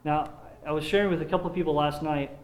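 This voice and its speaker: A man preaching a sermon in an earnest, measured way, sometimes repeating words as he restarts a phrase. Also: a little high, steady tone. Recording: echoey room.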